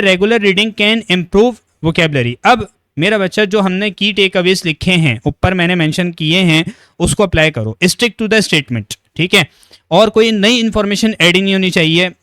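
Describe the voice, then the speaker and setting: A young male teacher talks students through exam questions in a slightly raised voice. He coaxes them along, keeps checking that they follow, and slows right down to read each English sentence. The recording is close and dry, with no room sound. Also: high voice, steady tone, sharp tone, smooth, dry recording. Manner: reads English sentences slowly and deliberately. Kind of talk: exam-prep lecture.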